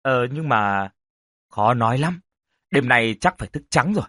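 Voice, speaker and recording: A man's voice: mid-range voice, animated, normal speed, fairly bright tone, dry recording, studio quality. A man voicing an uneasy young adult nephew who respectfully asks his uncle questions.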